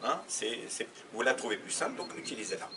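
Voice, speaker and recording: A man's voice: mid-range voice, very animated, fairly quick. A man teaching a grammar lesson, asking questions and answering them himself, repeating examples. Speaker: Arabic teacher. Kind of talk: classroom lesson explaining grammar. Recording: slightly distant mic, faint background noise.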